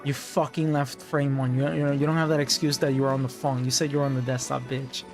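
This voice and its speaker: A man's voice: medium pitch, flat delivery, a little fast, music in the background. A man streaming a game, talking casually and grumbling to friends with heavy swearing. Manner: profane, grumbling asides. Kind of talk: casual gameplay commentary.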